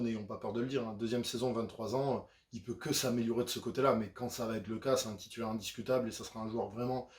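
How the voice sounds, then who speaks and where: Male video host, chatty sports breakdown, mid-pitched, echoey room. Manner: chatty, conversational with frequent fillers. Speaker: basketball YouTuber. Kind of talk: casual sports analysis.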